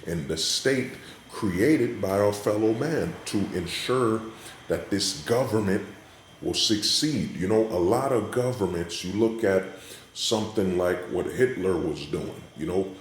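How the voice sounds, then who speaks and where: A man's voice: on the low side, a little slow. A man giving an unscripted, opinionated monologue in an emphatic way, often checking in with the listener, recorded in a hallway. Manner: emphatic, repetitive rhetorical check-ins with the listener. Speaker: vlogger giving commentary. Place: indoors in a hallway. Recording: echoey hallway, faint background noise.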